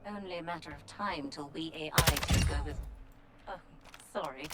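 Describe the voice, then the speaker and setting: A woman's voice: deep voice, moderate pace. A woman voicing a cold, sardonic female AI combat companion in a video game, with clipped robotic turret-style announcements. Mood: dry robotic. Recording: game audio with loud gunfire noise.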